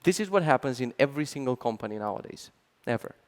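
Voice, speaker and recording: A man giving a conference talk, sarcastic and animated, acting out mock quotes as he tells stories. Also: mid-range voice, fast, long reverb tail. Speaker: conference speaker. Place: large conference hall.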